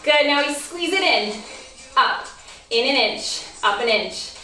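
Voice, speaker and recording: High-voiced woman cueing a workout. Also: animated, a little slow, pushed and bright, recorded from a distance. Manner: encouraging counted cues. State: losing her voice. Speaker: barre instructor. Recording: roomy, from off mic, faint music.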